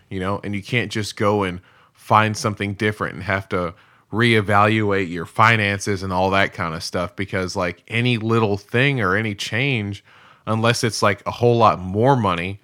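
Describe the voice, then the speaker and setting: A man's voice: lowish voice, moderate pace, sharp tone. A man in his thirties co-hosting a podcast, talking candidly and rambling, swearing and laughing often. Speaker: podcast co-host. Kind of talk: casual chat.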